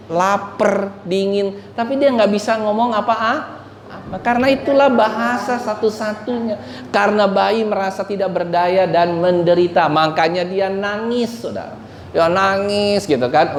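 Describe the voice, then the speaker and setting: A man's voice: high voice, slight background noise. A male pastor preaching a conversational sermon, quizzing the congregation and joking with them. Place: church. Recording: echoey church hall.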